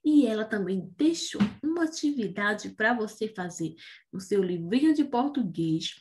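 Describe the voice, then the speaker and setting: A Brazilian woman teaching young children about syllables, slow and patient, often checking in with "né?" and "não é?". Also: mid-range voice, expressive, darkish tone, a little hiss or hum. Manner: slow and patient, asks "né?" and "não é?" after most points; says words slowly, syllable by syllable. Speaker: primary school teacher. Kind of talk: remote reading lesson for young children.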